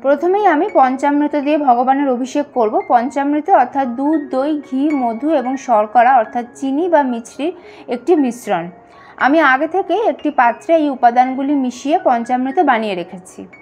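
High-voiced woman explaining a puja. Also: faint music behind. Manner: calm step-by-step explaining, addresses viewers as friends; chants mantras slowly. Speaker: home puja demonstrator. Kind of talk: instructional voice-over.

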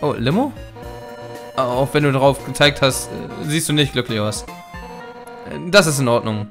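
A man's voice: mid-range voice, unhurried. A man reading the lines of a fierce, brash female fish warrior captain in a game, in boisterous bursts, with faint game music behind. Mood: gruff. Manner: boisterous, loud bursts, chuckling. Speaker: Let's Play gamer reading dialogue. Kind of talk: reading game dialogue aloud.

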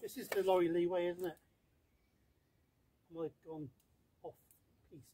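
A man's voice: high-pitched, little pitch movement, unhurried, mellow, slight background noise. A middle-aged man vlogging outdoors on a rural track, talking in a chatty, rambling way with restarts. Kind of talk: casual outdoor vlog chat. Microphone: camera mic, selfie framing then distant camera.

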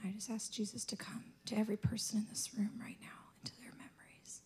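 A woman's voice: mid-range voice, level tone, quick pace, whispered. Young woman preacher guiding a congregation. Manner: gentle, coaching, speaks directly to the congregation. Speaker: church speaker. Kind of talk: sermon with guided prayer. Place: church auditorium stage. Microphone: handheld mic.

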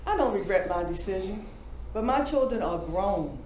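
A woman playing a weary mother whose children are grown, speaking in a measured, reflective monologue. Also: mid-range voice, expressive, a little mellow, echoey room, slight background noise, natural voice. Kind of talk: dramatic audition monologue.

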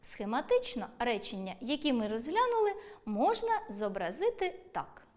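A woman teacher giving an online school lesson, speaking clearly and deliberately, with a sing-song lilt on lists. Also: fairly high pitch, very animated.

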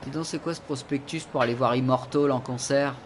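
A man's voice: mid-range voice, steady tone, a little fast, slight background noise. Joking, sarcastic male gaming streamer. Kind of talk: let's-play commentary. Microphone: studio condenser mic.

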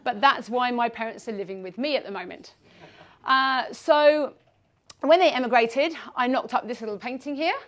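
A woman in her forties from England, speaking with a West Country accent, gives a jokey, self-deprecating presentation to an audience in a meeting room. Her voice sits on the high side and moves at a moderate pace, picked up by a far camera mic.

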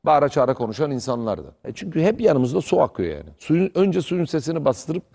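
Heated, animated male sports commentator. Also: fairly high pitch, a little fast, creaky. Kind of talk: studio sports talk.

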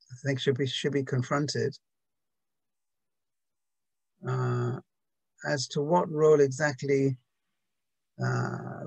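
Gravelly-voiced man giving a hesitant talk. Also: fairly high pitch, darkish tone, no echo, poor audio. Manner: hesitant, with many restarts and rhetorical questions. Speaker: Buddhist talk speaker. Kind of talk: reflective talk to a group.

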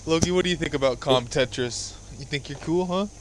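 A man's voice: a little high, fairly quick, noisy background. A young man joining a friend's game stream, teasing and swearing freely in casual banter. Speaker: co-player. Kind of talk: casual gaming chat with friends.

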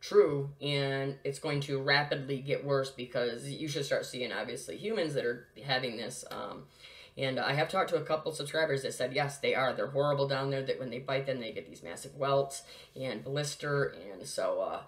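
A man's voice: mid-range voice, moderate pace. A man hosting his own video, reading articles aloud and reacting in an agitated, scornful, repetitive way. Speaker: conspiracy video host.

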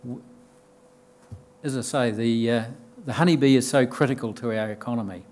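Older kiwi guy at a podium mic, explaining stuff to a room, lots of ums and restarts, mid-pitched. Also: moderate pace, darkish tone. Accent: New Zealand. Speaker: conference speaker. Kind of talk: conference talk. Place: lecture room with bookshelves and audience.

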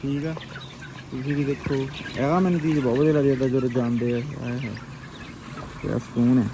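A man's voice: medium pitch, steady tone, normal speed, noisy background. A man with a Punjabi accent chatting casually to camera as a village vlogger outdoors on a family farm, teasing his family and calling out to them. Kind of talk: casual farm vlog chat.

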